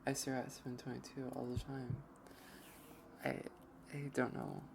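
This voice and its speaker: Gravelly streamer reading a visual novel aloud. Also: medium pitch, monotone, noisy background. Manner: slow, hesitant first-person reading. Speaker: let's play streamer. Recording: over game music.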